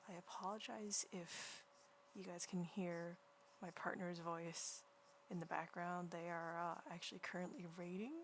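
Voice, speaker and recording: A woman livestreaming while she draws, chatting casually in a quiet, soft, near-whispered voice and rambling through many restarts. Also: lowish voice, slight background noise. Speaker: livestreaming artist. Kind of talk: casual chat while drawing. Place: home room beside a partner who is gaming.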